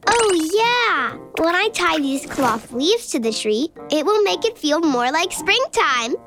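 A woman's voice: very high-pitched, big pitch swings, slow, fairly bright tone, heavily acted. Mimi, a weepy little crocodile girl. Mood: eager. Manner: sobbing, wistful child voice. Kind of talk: children's cartoon acting. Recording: music bed underneath.

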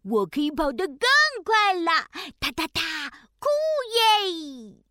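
A woman's voice: very high-pitched, very animated, slow, sharp tone, no room sound, studio quality, heavily acted. A woman voicing a cheerful, proud little boy bear cub in a children's storybook, playful and sing-song, with sound effects. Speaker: storybook narrator in character.

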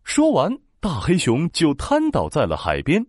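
A man tells a children's story, his pitch leaping widely through every phrase. The sound is close and dry, with no room around it. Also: measured pace, no echo. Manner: animated, expressive.

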